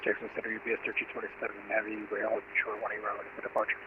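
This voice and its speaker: A man's voice: on the low side, completely flat delivery, very fast. A man speaking as a pilot over a headset radio in clipped readbacks. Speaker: flight-simulation cargo pilot on radio. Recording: tinny, clearly noisy radio transmission.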